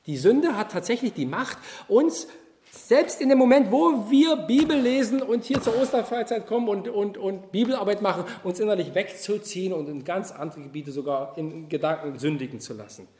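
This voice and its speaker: A high-pitched man preaches in a roomy, echoing space. He speaks animatedly, swinging between loud emphasis and quiet asides. He keeps turning to his listeners with direct questions. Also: animated, normal speed, a little hiss or hum. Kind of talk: sermon at a youth Easter retreat.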